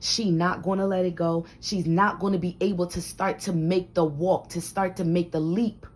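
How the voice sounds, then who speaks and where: A vlogger with a scratchy, husky smoker's voice preaches hard truths straight to the viewer from a home room with a door. Her lowish, slightly mellow voice has little pitch movement and a normal pace, and her fiery life advice is blunt and preachy.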